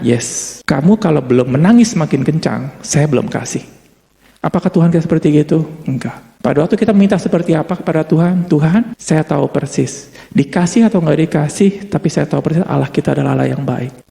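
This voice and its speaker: A man preaching from the pulpit, his voice fairly high for a man, yet dark, with a gravelly edge. He swings between quiet, slow stretches and sudden loud, high outbursts. A long reverb from a large church hall trails behind each phrase. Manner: preaching with dramatic swings, acting out quoted voices. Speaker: pastor. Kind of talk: sermon.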